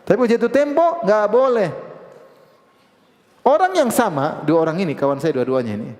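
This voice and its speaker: Man, preacher, lively storytelling, acts out voices, long hall reverb. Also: sits high, fairly quick. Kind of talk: Islamic lecture.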